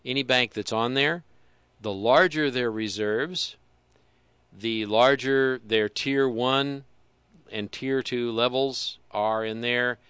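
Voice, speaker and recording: Bright, crisp-voiced man chatting about finance. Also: medium pitch, takes it slowly, dry recording. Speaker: co-host. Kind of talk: casual financial talk show chat.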